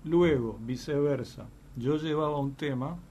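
A man's voice: fairly high pitch, unhurried, mellow, slight background noise. A man, a guitarist and composer speaking in a radio interview and telling in detail how his duo works.

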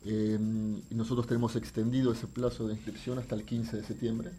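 With a warm, mid-range voice and flat delivery, a middle-aged Uruguayan-accented man explains his answers as an interview guest, pausing thoughtfully and repeating words until he finds the next. He is a visual artist from Uruguay, raised in France, Venezuela and Argentina. Faint noise sits behind him, and he moves off the mic at times.

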